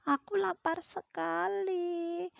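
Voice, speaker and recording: A woman voicing a hungry duck in a children's story, begging in a whiny, high voice. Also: little pitch movement, slow, vocal fry, dry recording, muffled recording, exaggerated voice. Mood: wistful. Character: hungry pleading female duck.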